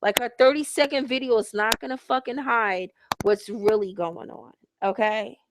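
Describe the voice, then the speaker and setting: A woman runs her own broadcast, recapping a reality show in blunt, slang-heavy rants. She speaks a little higher than most women and often lectures her listeners directly. A steady hiss sits under her voice. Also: normal speed. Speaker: host reviewing a reality show. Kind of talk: casual ranting commentary. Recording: hissy home recording.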